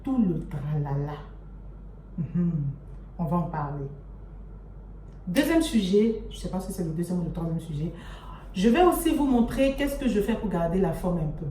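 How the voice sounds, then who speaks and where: A woman's voice: on the low side, lively intonation, moderate pace, long pauses, warm tone. A young adult woman chatting casually and familiarly to her viewers as a vlogger, addressing them affectionately. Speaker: vlogger introducing her channel. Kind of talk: casual chat to camera. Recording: roomy echo, distant mic, faint noise.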